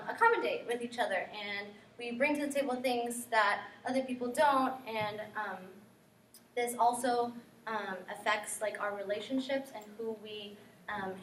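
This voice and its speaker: A woman's voice: on the high side, a bit bright. A young woman from Guatemala giving a student class presentation, earnest and full of ums and likes. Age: young adult. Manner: earnest, filler-heavy with frequent ums and likes. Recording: echoey classroom from far off, faint noise.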